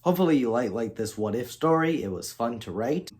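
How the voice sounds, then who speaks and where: A man's voice: medium pitch, expressive, a little fast, a little mellow, husky. A man casually telling an alternate-history story as the channel's host, often restarting and correcting himself mid-sentence. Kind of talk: unscripted storytelling narration.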